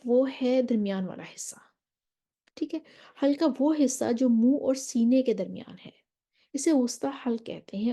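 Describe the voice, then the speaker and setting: A woman's voice: on the high side, mellow. A woman teaching Quran recitation in an online lesson, explaining patiently step by step over a diagram and mixing in English terms.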